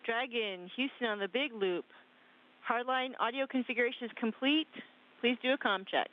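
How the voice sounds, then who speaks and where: A woman speaks as a mission control communicator over a radio loop. Her voice is slightly high, the audio a little dull, and her wording procedural. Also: normal speed. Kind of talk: procedural radio calls to astronauts.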